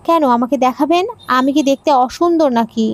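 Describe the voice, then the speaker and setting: A woman voicing a young maid who has become a bride, bold, sharp-tongued and blunt. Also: sits high, normal speed, lightly acted. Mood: defiant. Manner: blunt, pointed.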